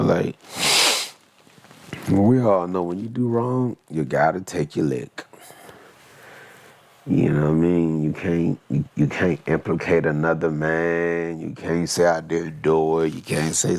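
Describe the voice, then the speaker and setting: Male reaction host, very low and husky, blunt joking rants. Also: darkish tone. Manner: joking, blunt, slangy rambling with interjections. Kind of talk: casual commentary over a news clip.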